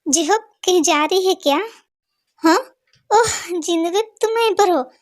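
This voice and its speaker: A woman's voice: very high-pitched, slow. A woman voicing every part of a fan-made dub, with playful, teasing lines. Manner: playful, teasing, animated dialogue. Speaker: fan dub voice-over artist. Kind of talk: hindi fan-dub dialogue acting. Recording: noisy home recording.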